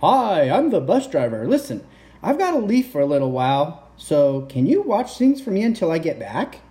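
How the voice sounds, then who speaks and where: A woman's voice: low voice, big pitch swings, moderate pace, mellow, voice pushed up. A woman voicing a friendly, trusting bus driver from a picture book in a chatty way. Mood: friendly, instructing. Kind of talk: picture-book character read aloud.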